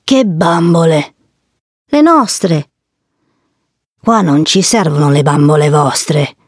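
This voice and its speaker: Reader doing hoarse, gruff Don Achille. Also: male voice, a little high, slow pace, no echo, clean studio sound. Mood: dismissive. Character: squat gruff middle-aged man, feared by children.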